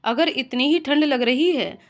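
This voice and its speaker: A woman's voice: sits high, measured pace. Woman voicing a curt, irritable young husband. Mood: irritated. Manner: curt, scolding.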